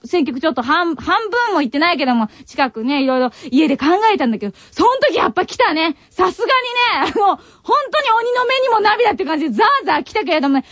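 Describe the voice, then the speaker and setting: A young woman with a Nagoya accent hosts a late-night radio show, her very high voice hurrying along even though it is worn from crying. The sound is close and dry, coming from a muffled old cassette recording. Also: fast, few pauses, no echo. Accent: Nagoya dialect. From Tokai region of Japan. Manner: emotional farewell, voice choking with tears between laughs. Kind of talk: radio talk, reading listener letters. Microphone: studio radio mic.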